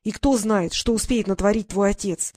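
A woman's voice: mid-range voice, moderate pace, a little mellow, no echo, natural voice. A woman voicing an earnest, talkative teenage boy who explains things at length. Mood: insistent.

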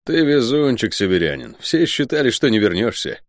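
A man's voice: mid-range voice, sing-song, normal speed, no room sound, studio quality, pitched above the performer's own voice, close to an everyday voice. A man voicing a brash, teasing male archer standing guard.

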